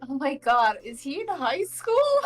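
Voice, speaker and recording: A woman taking part as a player in a tabletop role-playing game, playful and quick to laugh. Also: high-pitched, huge pitch swings, soft background music. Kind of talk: tabletop role-play chat.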